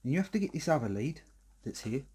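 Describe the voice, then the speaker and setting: A man's voice: mid-range voice, sing-song, quick pace, dark tone, slight background noise. A man reviewing a product in a casual, rambling vlog, a little out of breath and filming himself alone indoors. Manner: chatty, rambling, with restarts.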